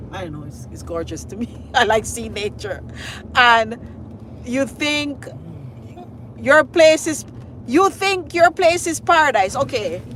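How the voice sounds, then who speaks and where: A middle-aged woman hosts a live-stream, chatting to her viewers in an unhurried, rambling way, full of fillers and easy laughter. She is speaking outdoors, and faint traffic hums in the background. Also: fairly high pitch, a bit bright. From Jamaica. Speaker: food blogger host. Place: outdoors at a scenic lakeside.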